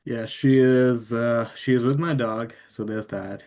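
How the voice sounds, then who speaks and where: A man hosting an interview who asks questions in a hesitant, halting way. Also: medium pitch, fairly even intonation, darkish tone. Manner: hesitant, halting phrasing with many "uh"s. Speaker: podcast host and interviewer.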